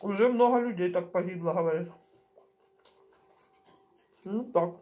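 A middle-aged woman chatting casually in short phrases with pauses as she eats, chewing while she talks, recorded in a home kitchen. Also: on the low side, warm tone, muffled recording. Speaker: mukbang vlogger. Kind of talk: casual chat while eating. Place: small home kitchen, indoors. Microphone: camera on the table at arm's length.

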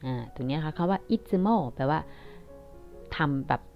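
A young woman from Thailand with a low voice gives a casual online language lesson, chatty and full of fillers as she repeats each example. The audio is dull and lo-fi, with faint music underneath. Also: moderate pace. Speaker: Japanese language teacher.

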